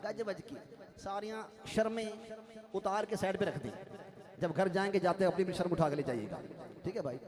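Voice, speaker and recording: A man reciting devotional naat at a live gathering, rousing the audience to chant along. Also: sits high. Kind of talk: devotional naat singing with crowd call-outs. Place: large gathering. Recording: echoey live event with loud crowd and music.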